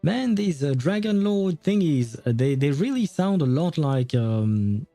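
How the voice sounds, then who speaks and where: A man's voice: on the high side, expressive, measured pace, warm tone, no room sound, soft background music. A man giving casual game playthrough commentary, hesitantly thinking aloud as he streams. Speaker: gaming streamer.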